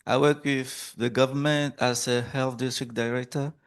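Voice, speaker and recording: Togolese guy introducing himself to a group, creaky gravelly voice, medium pitch. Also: little pitch movement, normal speed. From Togo. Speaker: course participant, doctor. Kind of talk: spoken self-introduction to a group.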